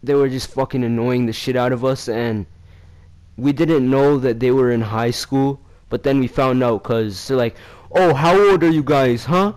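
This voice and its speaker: A man's voice: fairly even intonation, moderate pace, clean tone. A young man in a casual vlog telling a story in slangy, profane, rambling talk. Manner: acts out quoted lines in a louder, higher voice. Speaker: vlogger.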